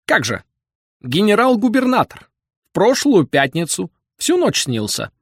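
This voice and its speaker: A man's voice: high voice, huge pitch swings, unhurried, husky, no room sound, clean studio sound, voice pushed up, full character voice. Ostap Bender, voiced by a man, glib and genial. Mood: playful. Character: confident smooth-talking male con man.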